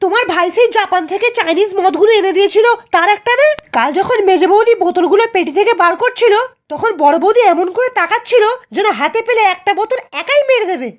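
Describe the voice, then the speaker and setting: Woman with a really high squeaky voice, comic dub, over the top, hammy fake-ad patter. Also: animated, quick pace, background noise. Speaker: comic voice dubber. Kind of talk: comic Bengali voice dubbing.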